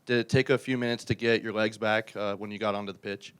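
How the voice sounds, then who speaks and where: A man's voice: lowish voice, fairly even intonation, fast, fairly bright tone, smooth. A man reporter at a press conference, searching for words and restarting as he asks his question.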